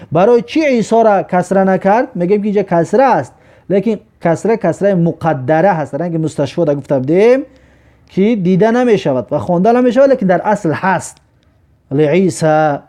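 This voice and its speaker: A man teaching an Arabic grammar lesson, reading example sentences slowly and then explaining them patiently. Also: fairly high pitch, mellow.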